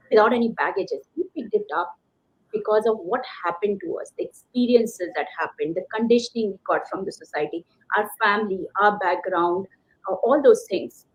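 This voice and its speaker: Speaking at a medium pitch and moderate pace, a woman interviewed as a career coach offers emphatic, chatty motivational advice. The call audio is lo-fi and slightly dull.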